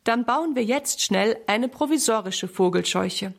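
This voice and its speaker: A woman voicing a patient, gentle mother in a children's story. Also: on the high side, animated, a little slow, creaky, full character voice. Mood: kind. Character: calm, caring mother.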